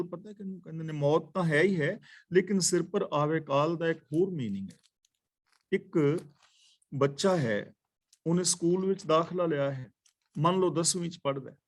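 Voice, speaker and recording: A man in his sixties explaining scripture in a slow, measured way, repeating phrases as he teaches. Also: fairly high pitch. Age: 60s. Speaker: katha preacher. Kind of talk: scripture exposition.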